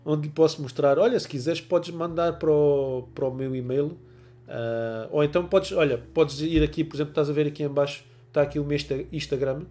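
Speaking fairly quickly in a mellow, steady voice on the high side, a man in his forties hosts a casual photography livestream chat, reading comments and greeting viewers by name. He laughs often despite having a cold and has a European Portuguese accent. His wired earphone mic picks him up in a small home room.

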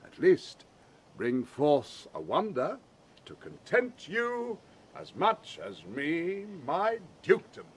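A man's voice: on the high side, wildly swooping pitch, full character voice. Man acting Prospero, a commanding duke, swooping delivery. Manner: theatrical, measured, formal. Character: Prospero, commanding wronged duke and grieving father. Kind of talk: Shakespearean audio drama acting. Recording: clear background noise, ambience.

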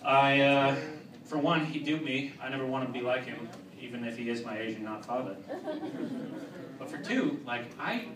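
A young man tells a stand-up story in a deadpan, halting way and keeps correcting himself as he goes. His mid-pitched voice is picked up from a distance in a roomy club, and a lively audience can be heard around him. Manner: deadpan, halting with fillers and restarts. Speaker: stand-up comedian. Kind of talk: stand-up set. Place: comedy club with live audience.

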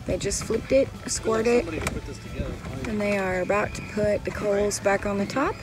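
A woman's voice: mid-range voice, a little slow, over music. A woman chatting through a vlog outdoors at a farm gathering, explaining what is going on around her. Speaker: homestead vlogger. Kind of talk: casual vlog narration.

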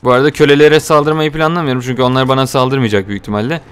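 Young male gaming host, casual and jokey, with a clear, smooth voice. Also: medium pitch, very fast. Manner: joking, excitable, calls viewers "abi". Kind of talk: casual gameplay commentary.

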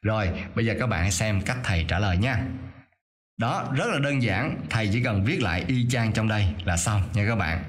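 A male teacher doing a voice-over for a lesson: he reads English sentences slowly and carefully, then explains them quickly. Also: lowish voice. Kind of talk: explaining an English reading exercise.

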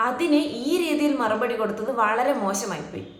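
A woman's voice: on the high side, lively intonation, normal speed, echoey room. A woman reaction YouTuber giving commentary, lecturing and scolding the person she reacts to.

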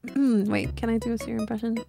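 A drowsy, slightly loopy woman streamer chatting with friends, her voice high and easygoing. Game music plays clearly behind her. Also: fairly even intonation, fast, mellow. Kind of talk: casual gaming chat.

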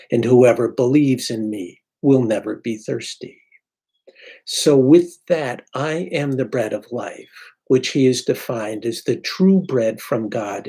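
A man in his sixties, a priest, giving an unhurried, reflective sermon from his home study into a webcam. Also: mid-range voice, mellow, breathy edge. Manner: unhurried, reflective preaching with pauses. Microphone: webcam at desk.

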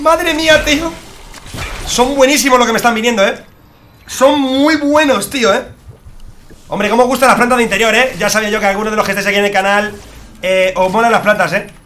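A young man with a Spain Spanish accent, commentating his gameplay to viewers in a chatty, slangy, excitable way. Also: sits high, fast talker, a little hiss or hum. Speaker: gaming streamer. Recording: loud game music behind.

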